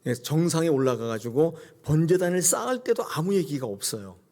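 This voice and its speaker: A middle-aged male pastor preaching a sermon and acting out scenes with sudden high cries. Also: brisk. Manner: animated, acts out God's voice with sudden high cries.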